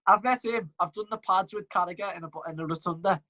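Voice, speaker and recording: A man's voice: sits high, fast, sharp tone, lo-fi sound. A man with a Liverpool accent chatting and bantering casually as a podcast co-host. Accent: Liverpool (Scouse).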